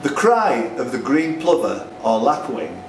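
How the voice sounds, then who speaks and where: His pitch swings widely while his pace stays measured; he's an older man around his 60s running a pub quiz, reading questions and bantering. The mid-range voice sits in an echoey pub with music behind, slight background noise, and a distant mic.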